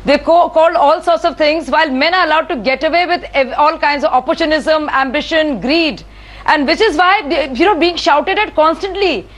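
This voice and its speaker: Woman, debate panelist, earnest, indignant, high voice. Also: normal speed. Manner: earnest, searching for words, indignant. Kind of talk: TV debate argument.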